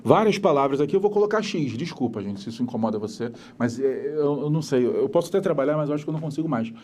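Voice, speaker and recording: A man's voice: fairly high pitch, expressive, rapid-fire, a little mellow, a little hiss or hum. A man with a Carioca accent teaching a geography lecture in a conversational way, asking rhetorical questions as he explains. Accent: Carioca Brazilian Portuguese. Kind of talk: recorded lecture.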